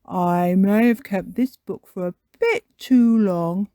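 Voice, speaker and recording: A woman's voice: mid-range voice, slow, warm tone, no echo, clean studio sound, lightly acted. A woman voicing a mild, slightly pompous father pig who explains things patiently in a children's storybook. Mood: gently instructive.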